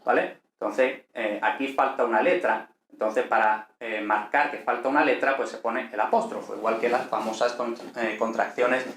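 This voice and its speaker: A man, explaining a language lesson at an unhurried pace, with many checking questions and fillers. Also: mid-range voice, fairly even intonation, a bit bright. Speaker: teacher. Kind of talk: explaining ancient Greek lesson. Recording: echoey room with faint noise.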